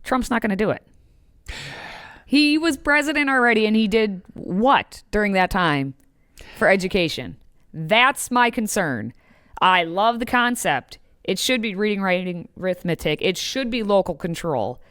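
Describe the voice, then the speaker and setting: A woman's voice: mid-range voice, expressive, moderate pace, a bit bright, dry recording, studio quality. A woman in her thirties co-hosting a live-streamed talk show, playful and sarcastic. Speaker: co-host.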